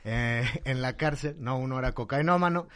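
A young Mexican man telling jokes among friends in a lively, animated way, acting out the punchlines. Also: medium pitch, moderate pace. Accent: Mexican Spanish. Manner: animated, shouts and acts out the punchlines. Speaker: joke teller.

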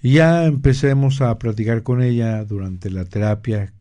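Hosting a radio health show, a man with a mellow, medium-pitched voice slowly explains terms and recounts a therapy case. His measured delivery is full of pauses and fillers.

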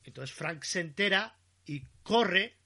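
Bright, animated man recapping. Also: high voice, slow pace. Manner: animated storytelling, acting out quotes. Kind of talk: casual recap chat.

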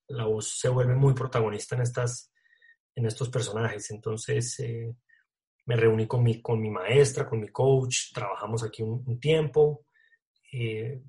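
Male actor, relaxed interview chatter, slangy, lots of restarts. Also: medium pitch, measured pace. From Colombia. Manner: casual, slangy, many fillers and restarts. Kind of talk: casual interview talk.

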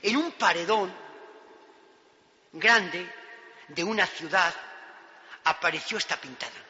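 High, bright-voiced Spanish preacher in echoing church. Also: male voice, slow. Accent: Spain Spanish. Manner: emphatic, swinging between loud declarations and hushed quotes. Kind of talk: sermon. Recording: long church reverb, dull lo-fi sound.

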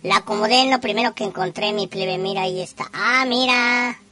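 Bright, high-pitched northern Mexican woman. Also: very animated, brisk, faint music behind. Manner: teasing, profane. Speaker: host of a call-in show. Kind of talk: casual slangy live chat.

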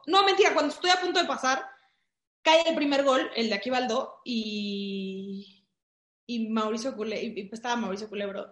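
A woman with a Mexican Spanish accent, telling a story in casual chat, full of fillers. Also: on the high side. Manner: animated storytelling with many fillers. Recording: echoey room.

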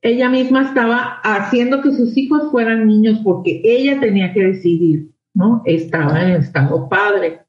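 A woman's voice: medium pitch, normal speed, hardly any pauses. A middle-aged woman with a Mexican accent speaks reflectively, often turning her thoughts into questions. The recording sounds roomy, with a dull, lo-fi tone. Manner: talks things through aloud, many rhetorical questions. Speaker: guest sharing her experience. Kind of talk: reflective conversation on emotions and parenting.

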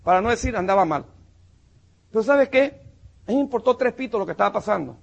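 A man's voice: high voice, expressive, fast talker, gravelly, breathy edge. A man giving a motivational business talk to a live audience, punchy and emphatic, calling his listeners champion and brother. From Panama. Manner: punchy and emphatic, calls listeners "campeón" and "mi hermano".

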